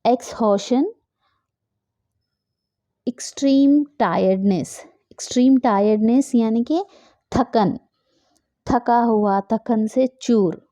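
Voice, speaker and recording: A woman teaching English vocabulary to students, repeating each word slowly and then explaining it, switching between English and Hindi-Urdu. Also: on the high side, warm tone, no echo. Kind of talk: slow vocabulary lesson.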